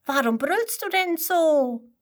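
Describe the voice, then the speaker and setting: A tiny, curious flea from a storybook, put on by a woman reading aloud. He squeaks high and eager, taking his time between words. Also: lively intonation, slow, exaggerated voice. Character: small, curious, helpful male flea.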